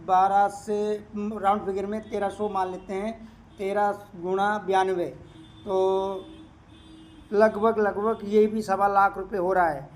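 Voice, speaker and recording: A man walking viewers through a screen of earnings and doing the sums aloud, repeating the figures and pausing often to hesitate. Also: sits high, level tone, slight background noise. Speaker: crypto income promoter. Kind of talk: screen-share walkthrough with running calculations.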